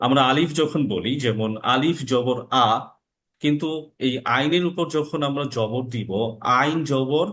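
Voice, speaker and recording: A man teaching an online Quran recitation lesson, slowly drawing out Arabic letter sounds and reciting short phrases. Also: mid-range voice, a bit bright. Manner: slow, drawn-out demonstration of Arabic letter sounds.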